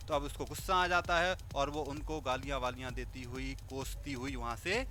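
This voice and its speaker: A man's voice: medium pitch, moderate pace, faint music behind. A man with an Indian accent teaching homeopathy through an acted story, often repeating "okay" and speaking in short bursts. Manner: animated, acts out characters, repeats "okay". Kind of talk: storytelling lecture.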